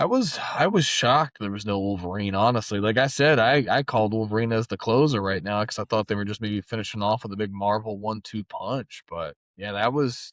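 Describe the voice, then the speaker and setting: A young man co-hosting a casual gaming podcast, talking in an excitable, slangy way and cursing casually. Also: lowish voice, no room sound. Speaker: podcast co-host.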